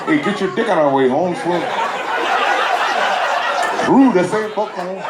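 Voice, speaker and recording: A man's voice: sits high, expressive, moderate pace. A man doing a menacing street gangster. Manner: slangy, challenging. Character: tough young male street gangster, confrontational. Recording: echoey party room, loud crowd and noise.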